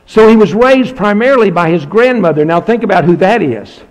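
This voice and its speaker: A man with a high, gravelly voice preaches from the pulpit. His delivery is emphatic and folksy, and he leans on repeated phrases. The sound carries a long church-hall reverb. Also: animated, fairly quick. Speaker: pastor. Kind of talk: sermon with prayer. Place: church sanctuary.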